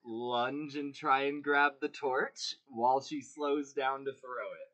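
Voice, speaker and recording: A man playing in a tabletop game, excitable and laughing as he argues his move. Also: mid-range voice, slow pace. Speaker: player. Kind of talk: casual tabletop role-play.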